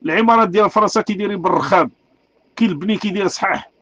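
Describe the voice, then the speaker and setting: A man's voice: sits high, racing, fairly bright tone, no room sound, dull audio. A man with a Moroccan Arabic accent, delivering an angry, repetitive rant full of rhetorical questions. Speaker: street artist speaking out. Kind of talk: impassioned rant.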